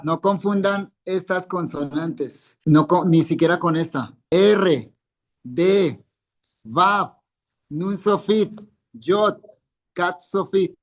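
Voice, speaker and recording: A man's voice: high voice, drawn-out words. A male Hebrew teacher, giving a live classroom lesson and patiently quizzing students by name, repeating each word. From Colombia.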